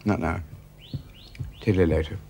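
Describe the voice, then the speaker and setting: A worldly, sardonic man keeps his voice hushed. His voice is very deep and gravelly. He delivers his lines dry and unhurried. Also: fairly even intonation, background noise. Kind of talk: period TV drama acting.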